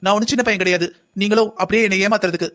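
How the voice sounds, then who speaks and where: A male cartoon voice actor handling an entire family delivers an argumentative, heated quarrel scene. He speaks in a rapid-fire, high voice that's a bit bright, with fairly even intonation.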